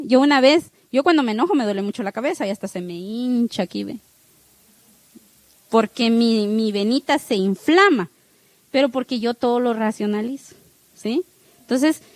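A woman's voice: sits high, no room sound, low-quality recording. A woman teaching an online class, speaking straight to her listeners and checking in with "¿sí?" again and again. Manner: checks in with the listeners by asking "¿sí?" over and over; speaks straight to the audience with warm, coaching encouragement. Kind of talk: instructive talk to a class with a spiritual close.

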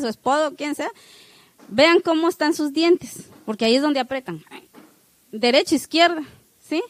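High-voiced woman coaching a class. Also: no echo, poor audio. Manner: checks in with the listeners by asking "¿sí?" over and over; speaks straight to the audience with warm, coaching encouragement. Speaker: teacher leading an online class. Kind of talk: instructive talk to a class with a spiritual close.

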